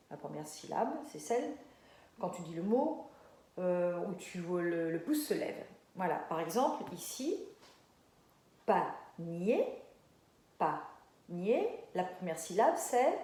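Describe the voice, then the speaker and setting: A woman teacher leading a lesson for young children, stretching words slowly and praising often. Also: on the high side, warm tone, roomy sound. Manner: slow, drawn-out syllables, encouraging.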